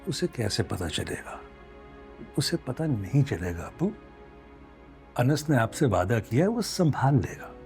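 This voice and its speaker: A man's voice: medium pitch, big pitch swings, a little slow, pauses often, a little mellow. A placating grown son with a Pakistani accent. His voice rises and falls a lot as he pleads. Faint music runs beneath. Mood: pleading. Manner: soothing, pleading. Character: placating grown son, defending family honour.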